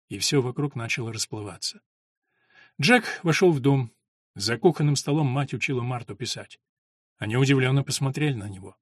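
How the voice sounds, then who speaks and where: A man narrating an audiobook with a steady storytelling delivery. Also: on the high side, no echo, clean studio sound. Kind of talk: scripted narration.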